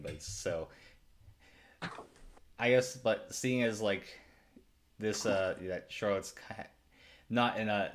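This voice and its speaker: A low-voiced man narrating as game master of a tabletop game. He talks hesitantly, with many fillers and restarts, and there is a faint hiss behind him.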